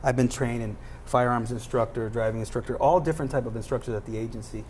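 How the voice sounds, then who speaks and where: A man's voice: medium pitch, steady tone, fast talker, darkish tone, slight background noise. A man running for sheriff, speaking earnestly in an interview and listing his credentials plainly. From United States. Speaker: sheriff candidate. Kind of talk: campaign pitch in interview.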